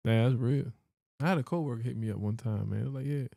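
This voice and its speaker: A man's voice: medium pitch, fast talker, creaky, warm tone, dry recording. Slangy man on a dry podcast mic. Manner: slangy, laughing, anecdotal. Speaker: podcast co-host. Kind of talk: casual podcast chat.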